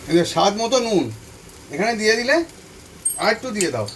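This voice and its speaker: His voice sits high with big pitch swings, fast and a bit bright, and he's heard from a distance off the mic with a little hiss or hum. The man hosts a home cooking channel, addressing viewers directly from his stove while walking through a recipe step by step and repeating each instruction. Frying sizzle and stirring fill the background.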